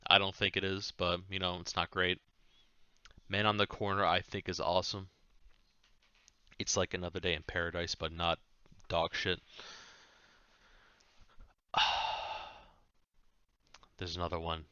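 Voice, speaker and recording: Male music reviewer, deep smooth voice, offhand rambling chat, slightly muffled recording. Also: level tone, a little slow, long pauses, bright, forceful tone, no room sound. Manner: rambling, offhand, swears casually. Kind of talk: casual chat.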